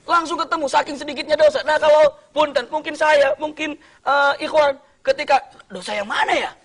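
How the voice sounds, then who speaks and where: A middle-aged man from Indonesia preaching a sermon, telling a story with sudden cries and hushed asides. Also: very high voice, fairly quick.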